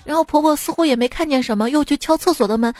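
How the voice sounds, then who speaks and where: A woman's voice: high-pitched, fast, background noise. A woman radio host reading listener-submitted jokes in a chatty way, often laughing at them, recorded on a studio mic. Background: faint background music.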